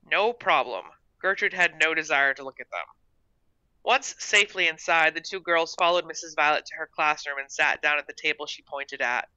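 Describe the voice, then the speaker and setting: A woman reading her own short story aloud in an expressive storybook narration, on a dull, dry recording. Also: low voice, a little fast, clean tone, no echo.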